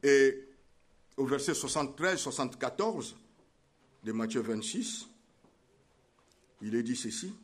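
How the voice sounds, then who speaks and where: A man's voice: medium pitch, expressive, a little slow, long pauses. A man preaching a sermon, emphatic and repeating his key phrases.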